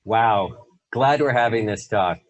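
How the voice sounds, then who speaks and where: A man hosting an interview over a video call, chatting casually, laughing often and talking in a lively way with plenty of fillers. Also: fairly low pitch, slow, no room sound, dull audio. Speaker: host.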